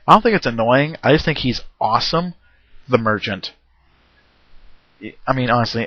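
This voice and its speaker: Male home game reviewer, casual and rambling, throat-clearing, lo-fi dry recording. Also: mid-range voice, dry recording. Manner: rambling, with many fillers and restarts.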